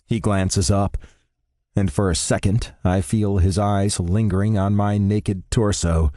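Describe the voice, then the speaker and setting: Brief: male audiobook narrator, first-person romance, wry delivery; low pitch, dry close studio sound. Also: steady tone, measured pace, warm tone, dry recording.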